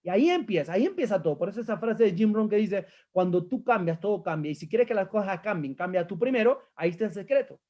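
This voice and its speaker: High-voiced man coaching emphatically. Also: animated, fast talker, few pauses, darkish tone, lo-fi sound. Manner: emphatic, repeats key phrases, asks the audience questions. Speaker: life coach. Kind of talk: live-streamed motivational coaching session.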